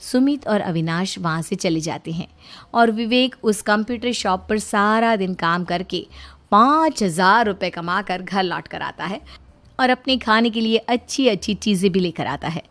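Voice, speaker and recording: A woman narrating a cartoon story in a steady, plain storytelling manner. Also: medium pitch, moderate pace.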